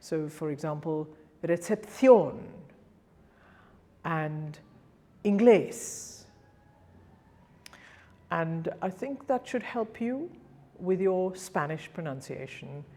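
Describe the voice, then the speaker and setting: A woman teaching singing diction, demonstrating each sound slowly and repeating the example words. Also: low-pitched, lively intonation, a little mellow. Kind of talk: pronunciation lesson.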